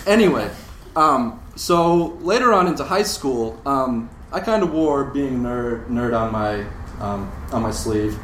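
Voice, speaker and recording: This man, a guest storyteller, tells a casual, self-deprecating comic story live before an audience. Originally from Britain in Europe, he moved to the States in seventh grade and now has a Midwestern American accent; his mid-range voice is expressive, a bit bright, and a little slow. The recording is noisy, with an echoey room and a distant mic.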